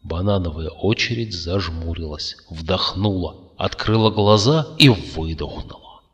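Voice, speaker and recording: A man narrating a story in a calm, even reading voice. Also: low voice, measured pace, highs cut off. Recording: long reverb.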